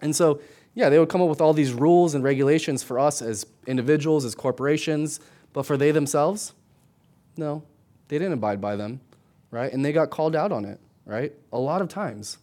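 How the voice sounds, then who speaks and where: Speaking at a moderate pace, the middle-aged pastor has a fairly high but dark-toned voice. He preaches conversationally, restarting his words and regularly adding "right?"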